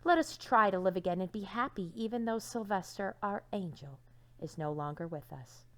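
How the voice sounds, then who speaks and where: A woman voicing a grieving donkey father in a children's storybook, gently pleading and encouraging in a measured way. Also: medium pitch, lively intonation, natural voice. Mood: sad encouragement. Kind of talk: children's storybook read-aloud.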